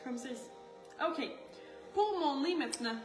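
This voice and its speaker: A high-pitched woman with a Quebec French accent chats her way through a makeup tutorial, a little scattered and quick to poke fun at herself. Her voice bounces around an echoey room, with faint music playing underneath. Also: expressive, a little mellow, distant mic. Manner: chatty, scattered, self-mocking, talks while working. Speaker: makeup artist. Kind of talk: makeup tutorial, casual talk to camera.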